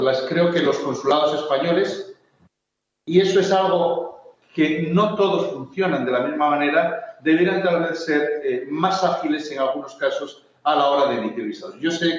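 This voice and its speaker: A man's voice: on the high side, slight background noise. A man from Spain speaking on a conference panel, hesitant, with many fillers and restarts. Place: large conference hall. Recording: echoey hall, distant, dull lo-fi.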